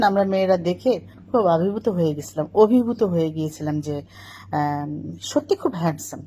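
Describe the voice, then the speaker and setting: A woman's voice: mid-range voice, a little mellow. A middle-aged woman talking to camera, correcting other people's pronunciation in a lecturing tone. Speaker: vlogger answering critics.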